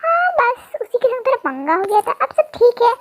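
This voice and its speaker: A woman's voice: very high-pitched, big pitch swings, normal speed, slight background noise. A woman voicing a cocky young man who mocks a girl in a fan story. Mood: smug. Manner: teasing, mocking.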